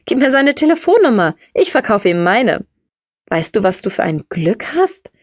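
A brash young woman in an audiobook, blunt and matter-of-fact, her voice rising and falling with lively swings, as a woman narrator puts her on. The sound is close and dry, with no room around it. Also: on the high side, moderate pace, dry recording. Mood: breezy.

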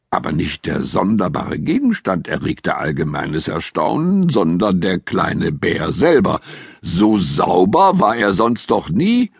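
A man narrating a children's audiobook in a measured, expressive storytelling manner. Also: low voice, vocal fry, husky, dry recording, clean studio sound.

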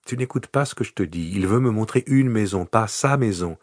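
A man voicing a grumpy middle-aged police inspector with an irritable, gruff way of talking in audiobook dialogue. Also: medium pitch, animated, fast talker, pitched above the performer's own voice. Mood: weary.

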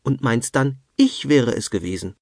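A fussy old grandmother who is half deaf and easily scared, put on by a male narrator. She squeals and shrieks in a high, raised voice that swings widely. It is a children's storybook reading with a dry, close sound. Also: expressive, moderate pace, no echo. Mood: indignant. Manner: shrill, squealing exclamations. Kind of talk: audiobook character voice.

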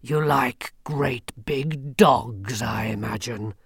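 A man reading a storybook, voicing Death as a tall male skeleton who speaks slowly, calmly and mildly. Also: medium pitch, creaky, husky, no room sound, exaggerated voice. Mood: peevish. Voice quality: slow, hushed, dry and measured. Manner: mild, patient, faintly peevish.

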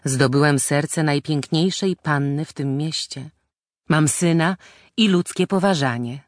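A man's voice: on the high side, unhurried, no room sound, clean studio sound, close to an everyday voice. A woman narrator voicing a brooding nobleman husband who speaks in grave, old-fashioned formal phrases. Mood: tender. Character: brooding married nobleman, bitter toward his family.

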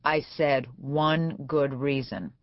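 A woman's voice: rumbling low, slow, no room sound. A woman voicing a sarcastic, domineering older male judge in an audiobook, with a dull, dry studio sound. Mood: scolding.

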